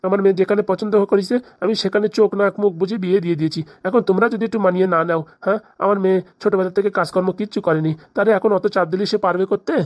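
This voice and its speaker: A woman's voice: medium pitch, fairly even intonation, rapid-fire, few pauses, no room sound, highs cut off, lightly acted. A woman voicing a fretful middle-aged father who pleads at length for his only daughter in a cartoon. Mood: aggrieved. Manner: pleading, rambling complaints. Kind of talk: cartoon voice acting.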